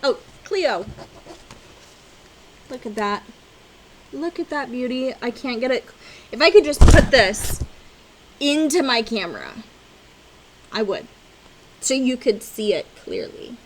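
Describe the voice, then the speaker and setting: A woman vlogging about cross-stitch, chatting casually to camera and gushing with excitement, now and then breaking into loud exclamations. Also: a little high, takes it slowly, pauses often, a little hiss or hum, low-quality recording. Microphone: on-camera mic, seated at desk with ring light.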